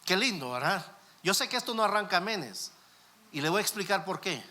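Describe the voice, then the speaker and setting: A man's voice: sits high, expressive, a little fast, pushed and bright. A male pastor preaching a sermon in a conversational way, speaking straight to listeners and asking rhetorical questions.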